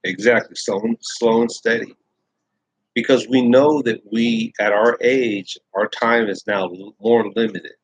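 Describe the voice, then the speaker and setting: A man's voice: on the low side, fairly even intonation, measured pace, slightly rough, dry recording, rough recording. A man in his thirties hosting a casual live chat, rambling and swearing freely. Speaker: host.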